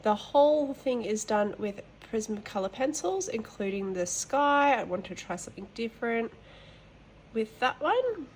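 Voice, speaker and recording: A woman's voice: on the high side, very animated, normal speed, slight background noise. A woman hosting a colouring channel from home, chatting casually with rambling, apologetic asides and a nasal voice from hay fever. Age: adult, mother of boys. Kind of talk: casual show-and-tell chat.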